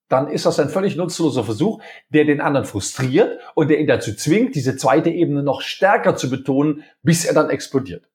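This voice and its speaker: Man, interview guest, lively pitch, acts out little dialogues. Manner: animated, acts out quoted dialogue in different voices. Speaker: interview guest, communication speaker. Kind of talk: conversational interview.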